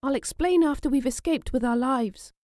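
A woman reads a young noblewoman of medieval times, earnest and pleading in a high, mellow voice. The audiobook recording is close and dry. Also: normal speed, no echo, lightly acted. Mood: urgent. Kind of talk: audiobook character reading.

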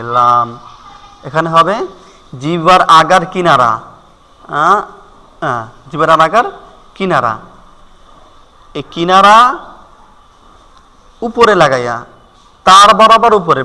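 Slow, bright-voiced male Quran teacher. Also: fairly high pitch, long reverb tail. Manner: slow, deliberate, drawing out each letter sound and repeating it. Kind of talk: spoken pronunciation lesson.

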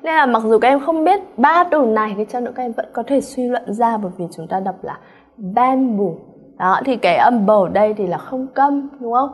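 A woman teaching an English exam-prep lesson with a Vietnamese accent, animated and checking in with her students often, referring to herself by name. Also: on the high side, a little fast, few pauses, slightly rough. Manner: calls herself by name in third person.

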